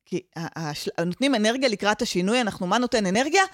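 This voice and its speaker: Speaking at medium pitch and with plenty of expression, this Israeli-accented guest expert explains training development and change management conversationally. She mixes in English professional terms, and the studio sound is clean with no echo.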